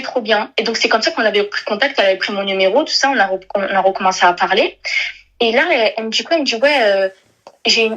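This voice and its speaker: A woman's voice: mid-range voice, bright, forceful tone, highs cut off. A young woman calling in, telling a personal story in a rambling, hesitant way with many restarts. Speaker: caller. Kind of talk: emotional phone-in confession.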